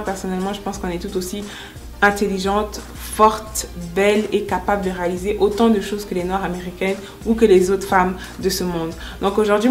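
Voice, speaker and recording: This is an interview testimonial from a French-born, American-raised entrepreneur and makeup artist in her twenties, who explains things earnestly in a medium-pitched, slightly mellow voice. Background music runs under her speech.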